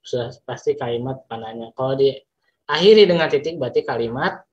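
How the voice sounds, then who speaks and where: A man's voice: medium pitch, normal speed. A male teacher with a Sundanese accent explaining a lesson, repeating examples and stretching words for emphasis. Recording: slightly dull lo-fi recording.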